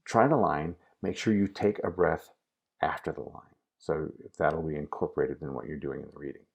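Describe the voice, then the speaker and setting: Low gravelly male drama coach, relaxed and instructive. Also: normal speed. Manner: casual instructive, addresses the student directly. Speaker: acting teacher. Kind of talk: recorded acting lesson.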